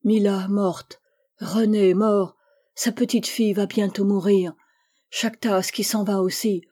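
A woman's voice: medium pitch, fairly even intonation, takes it slowly, dark tone, slightly rough. A woman voicing a torn, anguished young male warrior in a storybook reading, speaking with passion. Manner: impassioned, pleading speech.

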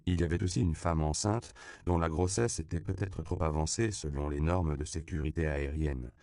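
Deep, gravelly man narrating a novel. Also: dark tone, dry recording, clean studio sound. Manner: measured, storytelling. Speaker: audiobook narrator. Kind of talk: scripted narration.

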